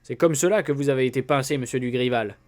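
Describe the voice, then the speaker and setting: A man voicing a brisk, self-assured swindler posing as a police inspector in a read-aloud story. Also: mid-range voice, darkish tone, close to an everyday voice. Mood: grumbling. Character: smooth-talking fake police inspector, brisk.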